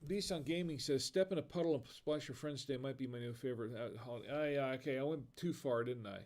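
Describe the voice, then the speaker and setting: A man's voice: medium pitch, fast talker, a little mellow. An American man hosting a casual live stream, telling corny bar jokes, chuckling at them himself and reading viewer comments aloud. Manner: tells dad jokes and laughs at them; reads chat comments aloud. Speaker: livestream host.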